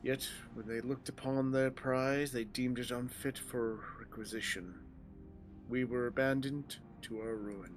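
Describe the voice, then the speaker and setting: A man's voice: mid-range voice, steady tone, measured pace, faint music behind, close to an everyday voice. A man voicing a weary ancient male dragon in a game, speaking in grave archaic lines and stumbling now and then as he reads them cold. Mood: solemn. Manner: archaic solemn delivery with stumbles from reading on the fly.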